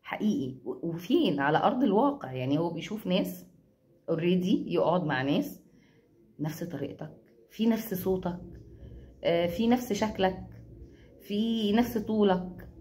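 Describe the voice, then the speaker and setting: A young woman with an Egyptian accent giving a casual spoken reading to her viewers, teasing and animated. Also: on the low side, moderate pace, pauses often. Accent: Egyptian Arabic.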